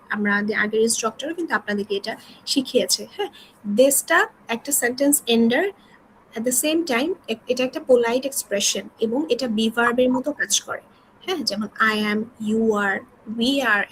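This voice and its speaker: A woman's voice: fairly high pitch, a little hiss or hum, low-quality recording. A woman from Bangladesh teaching beginner Japanese, explaining patiently and checking in often with her students. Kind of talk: online beginner class explanation.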